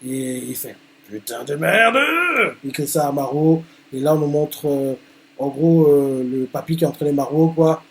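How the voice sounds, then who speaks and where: A man's voice: on the high side, level tone, normal speed, mellow. A man reacting live to a manga chapter, narrating the panels with many hesitant fillers.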